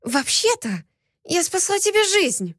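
A woman's voice: sits high, animated, normal speed, a bit bright, dry recording, clean studio sound, pitched above the performer's own voice. A woman voicing a flustered, defiant young female ship mechanic in an audiobook, speaking in a raised, indignant voice.

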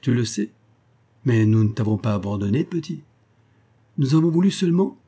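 A bold young privateer officer in an adventure storybook, acted by a man. His voice is dark and a touch husky, and he speaks with earnest resolve. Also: fairly low pitch, normal speed. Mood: tender.

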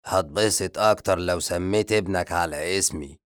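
A man's voice: low voice, moderate pace, clean tone, dry recording, studio quality, natural voice. A man with an Egyptian accent voicing a silly, joking male jinn. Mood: cheeky. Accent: Egyptian Arabic. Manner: playful, joking. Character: silly, cheeky male jinn who jokes.

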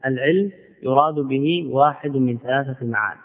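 A man teaching grammar as a sheikh, in a classical lecture style, who repeats key words slowly and asks and answers his own questions. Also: medium pitch. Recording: phone-like audio in a long-reverb hall.

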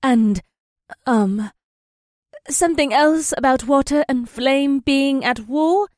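A dainty young woman fighter, voiced by a man narrating a storybook, with a very high voice. She recalls old tales softly and hesitantly. The sound is dry and close. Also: slow, no room sound. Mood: wistful.

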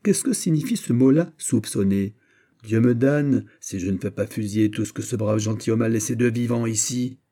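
A man's voice: medium pitch, normal speed, hardly any pauses, mellow, pitched above the performer's own voice, close to an everyday voice. Stern commanding general, voiced by a man. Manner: imperious, stern, sonorous. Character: commanding middle-aged male general. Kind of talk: audiobook character voice.

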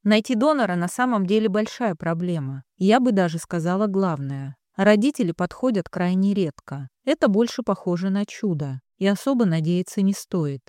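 A woman's voice: medium pitch, expressive, normal speed, few pauses, a little mellow, no room sound, natural voice. A woman voicing a curt, grave woman doctor. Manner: curt, dry, clipped.

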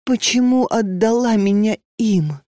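A woman's voice: fairly high pitch, warm tone, no echo, clean studio sound, natural voice. A woman doing a faint delirious sick girl.

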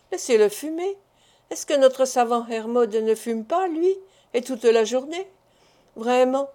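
Boastful mocking village doctor, read by a woman, ironic, soft-toned storybook voice. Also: on the high side, natural voice. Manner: jeering, then flustered and pleading.

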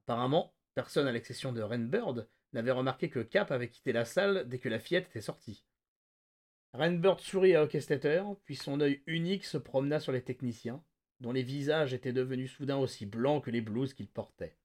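A man hosting a podcast, reading a novel aloud with lively, dramatic narration. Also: medium pitch, brisk. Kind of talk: expressive read-aloud narration.

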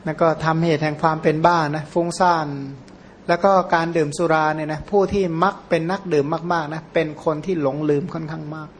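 A monk whose first language is Khmer, giving an informal, rambling Dhamma talk with many fillers and self-corrections. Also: male voice, on the high side, fairly even intonation, a little fast, slight background noise. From Surin, Thailand. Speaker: Buddhist monk teacher.

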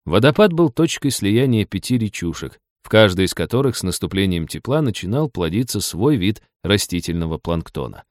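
A man narrating an audiobook in an even, storytelling read. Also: on the low side, normal speed, hardly any pauses, no room sound, clean studio sound. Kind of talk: scripted narration.

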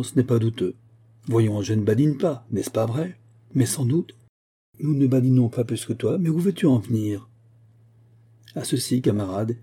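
A man reads as a fervent young painter who presses his friends hard, his delivery emphatic and lifted above the narration. The tone stays very dark and husky underneath. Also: medium pitch, lightly acted. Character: excited young male painter, scheming and persuasive.

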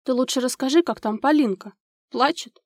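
A woman's voice: high voice, normal speed, a little mellow, no room sound, studio quality, pitched above the performer's own voice. A woman voicing a sick young mother in hospital, complaining and weepy. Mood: fretful.

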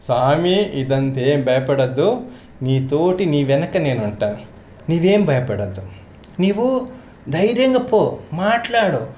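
A storyteller voicing a calm male god who gently but firmly reassures a frightened devotee. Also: medium pitch, measured pace, pauses often, voice pushed down. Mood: reassuring.

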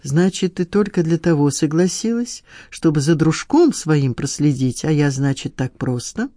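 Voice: mid-range voice, expressive, moderate pace, mellow, no room sound, studio quality, lightly acted. A narrator voicing an aging hippie biker man who talks in casual, teasing, boastful banter.

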